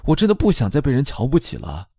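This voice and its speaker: A man's voice: sing-song, unhurried, warm tone, slightly rough, no echo, clean studio sound, heavily acted. A man voicing an anxious grown woman who begs her family for love, pleading and tearful. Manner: pleading, tearful, high-pitched.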